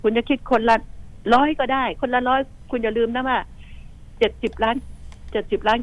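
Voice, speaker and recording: A woman's voice: fairly high pitch, fairly even intonation, a little fast, rough recording. A woman commentating on the news on radio, outspoken and indignant, rambling and repeating herself as she talks to listeners. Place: radio studio.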